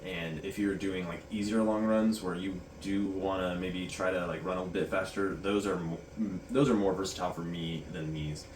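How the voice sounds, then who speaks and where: A man giving a casual, rambling shoe review for a vlog in a halting way. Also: low-pitched, steady tone. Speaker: running shoe reviewer and vlogger. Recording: roomy, distant mic, faint noise.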